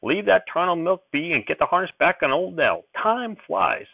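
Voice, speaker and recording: A man voicing an excitable old rural grandfather who speaks in folksy dialect, with a raised, quick old-timer twang over a thin, dry phone-like sound. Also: a little high, gravelly, dry recording, pitched above the performer's own voice, heavily acted. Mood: urgent.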